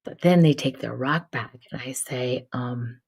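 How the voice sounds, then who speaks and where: Low gravelly woman telling stories. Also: unhurried. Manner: animated, swinging between loud bursts and soft near-whispers; casual, swears, repeats herself. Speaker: live stream host. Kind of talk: spiritual storytelling chat.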